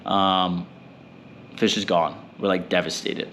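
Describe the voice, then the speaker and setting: A fishing boat captain, a man, telling a story in a rambling, animated way with many fillers. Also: low voice, takes it slowly, slight background noise. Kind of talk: casual storytelling.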